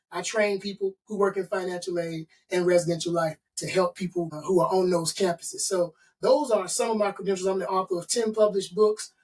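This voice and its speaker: Poor audio from a distant mic captures a middle-aged man being interviewed, a consultant and author from Chicago, USA. His voice is high yet darkish in tone, and he delivers emphatic, motivational remarks organized as stacked lists.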